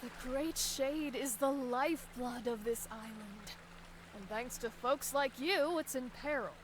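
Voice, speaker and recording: A woman's voice: sits high, a little slow, noisy background. A woman playing a theatrical fortune teller in a video game, with a grandiose, mystical, old-fashioned delivery. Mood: indignant, scolding. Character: theatrical female fortune teller, secretly a scolding groundskeeper. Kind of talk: video game character acting.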